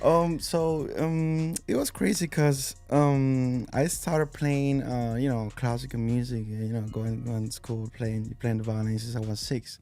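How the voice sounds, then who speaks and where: This is a man speaking at an ordinary mid pitch. His voice has a gravelly rasp, and he chats as an interview guest, rambling through fillers and restarts. Faint music plays behind him. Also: steady tone, measured pace, hardly any pauses, dark tone. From Spain. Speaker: guest, DJ and violinist. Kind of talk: casual interview chat.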